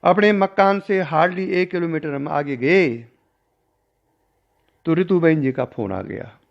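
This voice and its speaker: Older guy guru telling a story, gravelly voice, muffled lo-fi sound. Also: takes it slowly. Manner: storytelling, acting out dialogue with shifts in pitch and loudness. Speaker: spiritual teacher. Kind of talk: recounting a personal story in a discourse. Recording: dull lo-fi recording.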